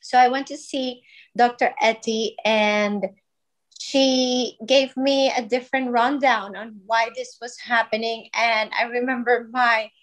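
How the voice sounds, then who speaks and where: Her voice is slightly high, measured in pace and steady in tone, though the audio quality is poor. She's a Colombian wellness brand founder in her thirties, a guest on a podcast interview, recounting her personal story chattily and gratefully with lots of fillers.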